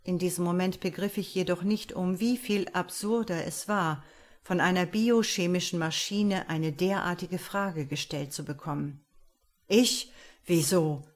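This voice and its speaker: Lower-voiced woman narrating an audiobook. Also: normal speed.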